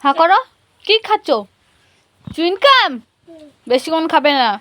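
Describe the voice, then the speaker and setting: A woman's voice: very high-pitched, sing-song, a little slow, a bit bright. A woman vlogging at home, coaxing and playfully talking to a small child in a sing-song way. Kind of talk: casual home vlog talk to a small child.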